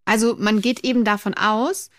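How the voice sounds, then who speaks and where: A woman's voice: a little high, steady tone, moderate pace, no room sound, studio quality. A woman co-hosting a casual podcast, explaining things in a chatty way and laughing easily. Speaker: podcast co-host, memory trainer.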